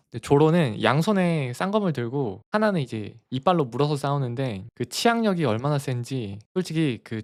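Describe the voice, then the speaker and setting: A man's voice: mid-range voice, a little mellow. A man casually retelling a cartoon story on a live stream, chatty and laughing often.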